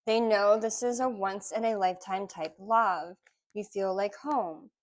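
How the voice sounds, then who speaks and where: A woman's voice: mid-range voice, steady tone. Musing woman reading tarot. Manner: musing, pauses between phrases. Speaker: tarot reader. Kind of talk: casual intuitive tarot reading.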